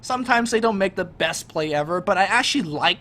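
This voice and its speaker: Man, game caster, chatty and joking, slightly high voice, faint noise behind. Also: a little fast. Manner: chatty, joking, energetic, laughs easily. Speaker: esports commentator. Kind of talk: casual game commentary over a replay.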